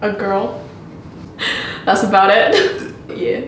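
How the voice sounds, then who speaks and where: A woman's voice: medium pitch, slow pace, distant mic. A young woman as a guest in a casual drinking-game chat, blunt and laughing often. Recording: echoey room with faint noise.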